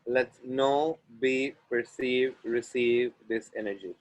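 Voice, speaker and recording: On a rather poor recording, an Indian-accented man from India guides an online group call from beside the ocean outdoors. Using deliberate, chant-like repetitions, he walks listeners through clearing phrases in a mid-range voice with fairly even intonation.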